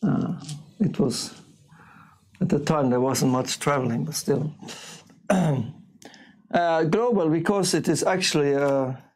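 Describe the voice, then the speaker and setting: An older man from Norway with a Norwegian accent, giving an informal spiritual class in a small bright room, speaking haltingly with frequent throat-clearing. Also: fairly high pitch, poor audio. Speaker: visiting speaker.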